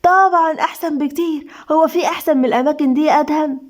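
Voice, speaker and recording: A woman's voice: sits high, steady tone, fast talker, mellow, natural voice. A delighted young Egyptian wife, sweet and devout, as a woman storyteller puts her on. Lifted well above the narration. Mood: happy. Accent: Egyptian Arabic.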